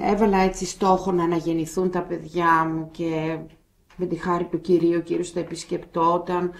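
A middle-aged woman sharing her faith testimony in a measured way, with pauses and restarts. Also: lowish voice. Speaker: guest giving a faith testimony. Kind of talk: personal testimony.

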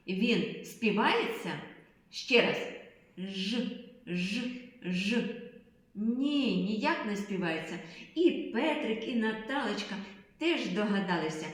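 A woman teaching a preschool literacy lesson in a slow, sing-song voice, drawing out sounds for small children. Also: medium pitch. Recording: very echoey room sound.

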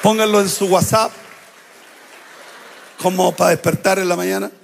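A middle-aged man preaching a sermon, lively, with shouted emphasis and sound effects. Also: sits high, normal speed, creaky, in a large hall, slight background noise. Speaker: pastor.

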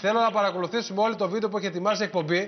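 High-voiced man moderating a shouting match. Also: long reverb tail, highs cut off, slight background noise. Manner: keeps cutting in to calm the panel. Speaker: TV show host. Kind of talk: moderating a heated sports debate.

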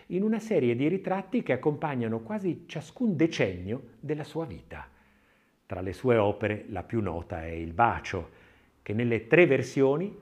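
A man with a medium-pitched voice reads an audiobook in a scripted, expressive literary style, using measured phrasing and dramatic emphasis.

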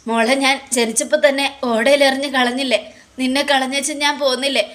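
A broken, ailing old father pleads with his daughters in halting, stammering words, as a woman reads him out. The voice sits a little high. It is a storybook-style retelling of a TV serial. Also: flat delivery, a bit bright. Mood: remorseful. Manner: tearful, halting, stammering pleas.

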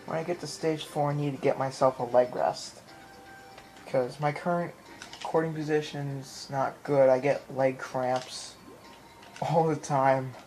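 A man who makes gaming videos plays a game in a small room at home, filming the TV screen with a handheld camera or phone mic that also picks up the game music. He offers casual, off-the-cuff commentary, muttering reactions and apologetic asides in a medium-pitched, darkish voice with fairly even intonation and a slightly slow pace.

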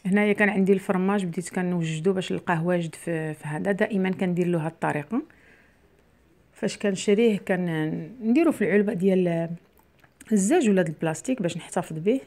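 A woman's voice: lowish voice, fast talker, darkish tone. A middle-aged woman with a Moroccan Arabic accent hosts a casual cooking vlog in her home kitchen. She talks to the viewers as she cooks and explains each step to them. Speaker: cooking channel host. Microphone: camera near the worktop, speaker mostly off frame.

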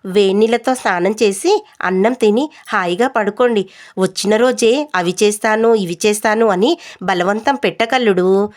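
A woman's voice: medium pitch, normal speed, natural voice. A woman voicing a fussy, doting older mother-in-law who speaks with elaborate courtesy in a storybook tale. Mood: courteous. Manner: courteous, fussing.

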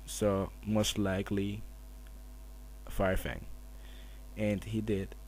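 Hushed, low-voiced man narrating slowly. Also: little pitch movement. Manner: quiet, hushed talking so as not to wake others. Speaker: gamer narrating own battle. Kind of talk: casual game commentary. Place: at home at night, others asleep. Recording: noisy camera mic with hum.

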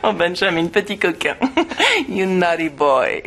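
An actress playing an overly enthusiastic English teacher coaxing a pupil. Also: female voice, lowish voice, big pitch swings, slow pace, fairly bright tone, exaggerated voice. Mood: gushing. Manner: theatrical, gushing. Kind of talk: sitcom sketch acting. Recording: noisy background.

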